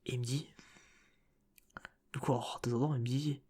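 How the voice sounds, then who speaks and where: A man's voice: medium pitch, steady tone, normal speed, breathy edge. A young man telling a personal story in whispered ASMR storytelling, slangy and rambling with lots of fillers, close to the microphone. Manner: soft whispering close to the mic. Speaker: ASMR creator.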